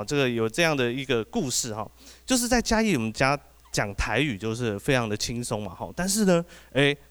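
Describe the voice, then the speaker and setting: A man with a Taiwanese Mandarin accent doing an animated stand-up set, often asking the audience "you know?". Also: medium pitch, smooth. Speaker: podcast host doing stand-up.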